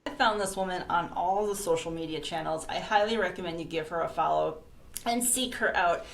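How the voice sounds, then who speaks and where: A woman's voice: fairly low pitch, a little fast, vocal fry, a bit bright. Woman, podcast host, enthusiastic, gushing, echoey room. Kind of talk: casual interview talk.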